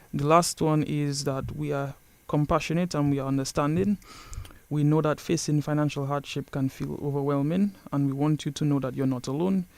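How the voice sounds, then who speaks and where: Gravelly, even-toned man giving prepared advice. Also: fairly high pitch, no room sound. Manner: measured, formal, point-by-point delivery. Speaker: credit union representative. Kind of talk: prepared informational talk.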